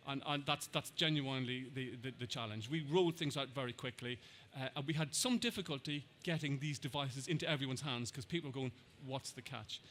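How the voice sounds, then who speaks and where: Irish guy answering q and a at a conference, bright voice, lots of restarts and repeated words. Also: mid-range voice, fairly quick, hardly any pauses, a little hiss or hum. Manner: hesitant, repeats words, quotes people. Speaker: conference speaker. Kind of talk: answering audience questions.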